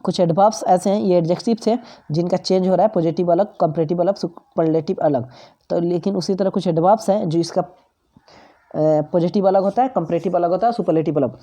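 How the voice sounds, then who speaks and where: A woman's voice: on the low side, a little fast, dark tone. A woman teaching grammar in a patient, step-by-step way, repeating example words. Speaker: English teacher. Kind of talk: grammar lesson explanation.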